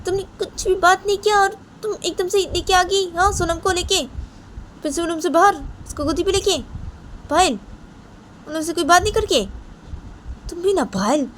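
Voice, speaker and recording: A woman voicing an indignant young mother who nags her partner in a loud, high-pitched voice. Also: moderate pace, pauses often, slight background noise. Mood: scolding.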